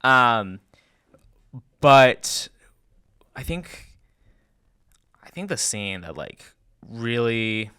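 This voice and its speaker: A young man co-hosting a podcast, chatting in quick animated rambling bursts. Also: mid-range voice, clean tone. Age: young adult. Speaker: podcast co-host. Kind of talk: casual chat.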